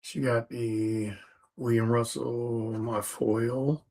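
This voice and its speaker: A man's voice: medium pitch, little pitch movement, drawn-out words, a little mellow. A tired man who is a comic artist, chatting casually on a livestream while he sorts orders and mutters the items to himself.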